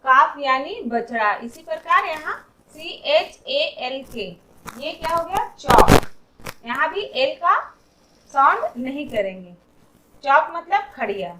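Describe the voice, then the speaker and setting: Woman teacher, slow and careful, bright tone, slightly distant mic. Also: sits high, big pitch swings, echoey room, background noise. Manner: says each word slowly, then gives its meaning. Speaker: English pronunciation teacher. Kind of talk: slow explanatory lesson.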